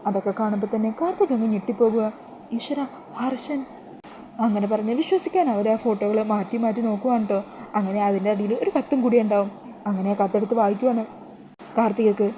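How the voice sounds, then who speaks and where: A woman's voice: mid-range voice, fast talker, warm tone, slight background noise, poor audio. A woman narrating a drama story in a chatty, casual storytelling manner. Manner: chatty, adds tag words to sentences.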